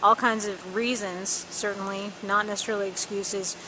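A woman working as the team's media interviewer, putting prepared post-game questions with statistics in an even delivery. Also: medium pitch, normal speed, noisy background. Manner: scripted, stat-citing, even delivery.

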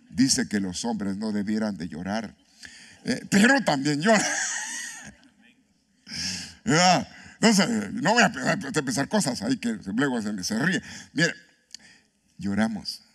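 A man pastor preaching an animated sermon, asking his congregation questions and mixing in humor. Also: lowish voice, slow, pauses often. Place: church.

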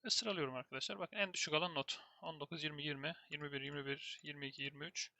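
A man's voice: fairly high pitch, steady tone, racing, bright, forceful tone, dry recording, muffled recording. A man teaching a screen-recorded terminal lesson, thinking aloud as he types and often turning to speak to his viewers as friends. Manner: thinks aloud while typing, keeps addressing viewers as "friends". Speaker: programming instructor.

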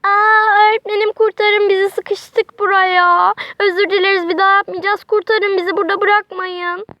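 A woman's voice: very high voice, flat delivery, normal speed, no room sound. A woman voicing small lost schoolchildren stuck in bushes in a toy doll play, pleading and crying for help. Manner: pleading, panicky cries for help. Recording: dull lo-fi home recording.

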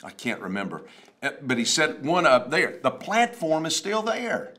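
A man's voice: on the high side, huge pitch swings, normal speed, pushed and bright. A man in his sixties, a pastor, chatting about a sermon in a rambling storytelling way, often restarting. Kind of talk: casual chat about a sermon. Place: wood-paneled studio, seated at a table.

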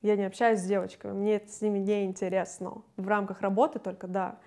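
A young woman, a singer, talking candidly and casually in an interview, chatty and quick to laugh. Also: medium pitch, little pitch movement, dark tone.

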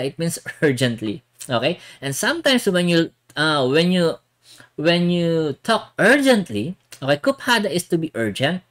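Lively woman teaching exam prep. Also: sits low. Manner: explaining patiently, often checking "okay?". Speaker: Korean language teacher. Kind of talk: exam-prep lesson mixing English and Tagalog.

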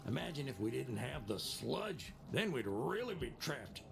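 A man playing a despairing, sardonic alien fisherman in a video game, morose and deadpan. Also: medium pitch, moderate pace, gravelly, background noise. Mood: bitter, exasperated. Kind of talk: video game character dialogue.

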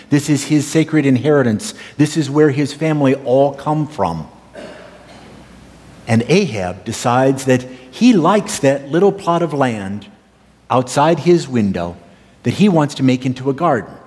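A man's voice: fairly high pitch, a little mellow. A male pastor preaching a storytelling sermon, emphatic and speaking directly to members of the congregation. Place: church sanctuary. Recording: reverberant church sanctuary.

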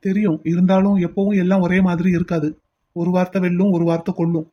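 A man voicing a calm, middle-aged uncle in a cartoon who gives measured advice. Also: high-pitched, dull audio, a little hiss or hum, natural voice. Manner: measured, advising. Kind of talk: cartoon voice acting.

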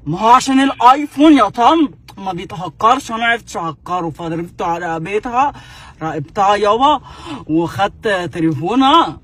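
A young man with an Egyptian accent makes a prank call in a high, husky voice. He pleads and whines melodramatically, stretching his words out. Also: expressive, a little fast, a bit bright. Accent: Egyptian Arabic. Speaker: prank caller.

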